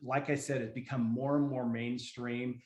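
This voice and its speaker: A man hosting a casual sales call over video from home, in a relaxed, folksy way with small fillers. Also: mid-range voice, normal speed, roomy sound. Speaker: host of a sales opportunity call.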